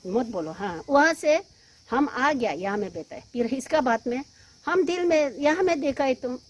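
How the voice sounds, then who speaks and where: A woman from Arunachal Pradesh making an emotional public statement, pleading and reproachful, her voice rising sharply and then falling quiet. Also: high voice, animated, normal speed. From Arunachal Pradesh, India. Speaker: woman answering allegations on local news.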